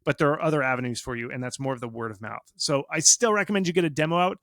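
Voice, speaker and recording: Speaking very fast in a medium pitch, with no room sound, a man gives casual expert advice on game marketing as a guest. He is emphatic and informal, animatedly acting out imagined reactions and quotes.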